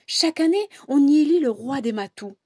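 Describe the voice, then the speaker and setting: A woman reading a children's storybook aloud in an expressive, animated way, with swooping emphasis. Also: high-pitched, a little fast, dry recording, clean studio sound. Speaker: storybook reader. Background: background music.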